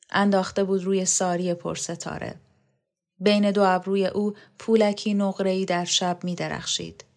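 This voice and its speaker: A woman's voice: medium pitch, close to an everyday voice. Vahab, a wistful man reminiscing, as a woman reads him. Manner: soft, dreamy recollection. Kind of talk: audiobook character reading.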